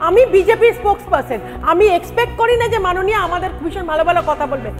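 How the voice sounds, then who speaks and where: A woman party spokesperson argues her point on a television debate panel in a high voice. She is emphatic and mixes English phrases into her speech, with faint music beneath. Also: expressive, quick pace.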